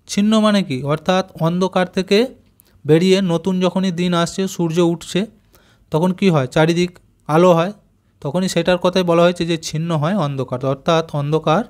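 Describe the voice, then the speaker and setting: A man teaching young children a reading lesson, patiently spelling out joined letters and saying each word slowly. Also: fairly high pitch, darkish tone. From West Bengal, India. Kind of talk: primary school reading lesson.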